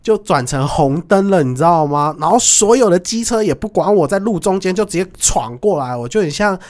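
A man's voice: high-pitched, lively intonation, brisk. A young man with a Taiwanese Mandarin accent, hosting a podcast and telling a story casually and animatedly, laughing often and acting out the voices in it. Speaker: podcast host.

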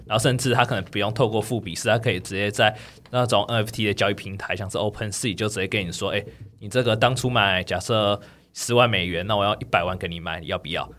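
A man's voice: lowish voice, a bit bright. A man with a Taiwanese Mandarin accent, co-hosting a podcast and explaining things in a casual, filler-heavy way. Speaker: podcast co-host.

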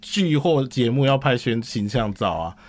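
Halting Taiwanese man in casual chat. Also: mid-range voice, lively intonation. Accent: Taiwanese Mandarin. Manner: halting, repeats words when starting. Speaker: co-host, TV program department worker.

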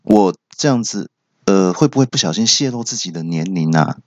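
A man from Taiwan, hosting a comedy podcast and telling self-mocking stories in a deadpan way. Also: low-pitched, moderate pace, no echo, muffled recording. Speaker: podcast host. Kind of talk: comedy monologue.

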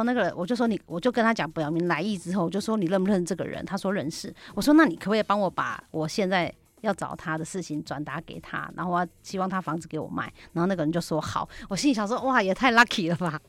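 A woman's voice: lowish voice, fast, hardly any pauses, no echo. A woman on a radio talk show, recounting an anecdote in casual chat and acting out the people she quotes. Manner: animated storyteller, acts out quoted dialogue. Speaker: real estate agent guest. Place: radio studio.

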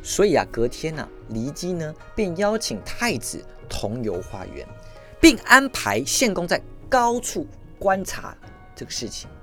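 A woman's voice: low voice, unhurried, faint music behind. A woman podcast host, telling a history story in a chatty, exclamatory way. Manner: animated, exclamatory, chatty asides.

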